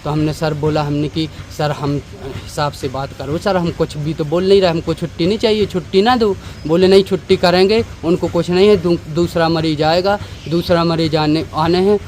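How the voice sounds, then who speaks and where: Grieving man, somewhat high voice, hurried and repetitive, loud street noise behind. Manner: hurried, repetitive, respectful, often saying "sir". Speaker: bereaved son of the patient. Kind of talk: distressed eyewitness account to a reporter. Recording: noisy outdoor news recording.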